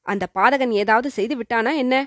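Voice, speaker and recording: A woman's voice: fairly high pitch, brisk, no room sound, studio quality, lightly acted. A woman voicing an angry old king, a vengeful father muttering to himself, in a storybook reading. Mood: seething.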